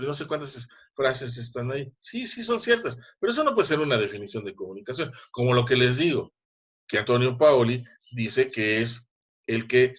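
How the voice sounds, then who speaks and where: A man's voice: medium pitch, fairly bright tone. A middle-aged man with a Mexican Spanish accent giving a university class over a video call, conversational and emphatic, often asking rhetorical questions. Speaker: university lecturer. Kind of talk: online class lecture.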